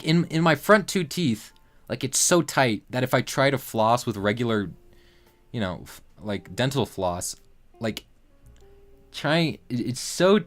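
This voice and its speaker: A man's voice: mid-range voice, fairly bright tone. A man in his late teens hosting a casual livestream, rambling along with lots of fillers and restarts. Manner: rambling, loose talk full of fillers and restarts. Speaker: livestream host.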